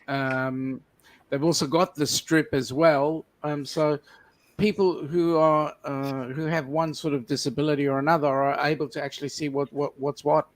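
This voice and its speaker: A man from South Africa on a casual live-stream panel, teasing drily and pausing on ums. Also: on the high side, flat delivery, rough recording. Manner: dry teasing, halting with ums.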